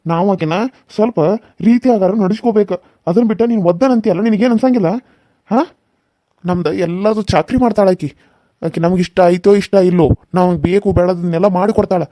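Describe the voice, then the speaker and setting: A man's voice: high voice, dark tone, no room sound, studio quality, natural voice. A man voicing a stern middle-aged father-in-law in a cartoon serial, scolding and lecturing.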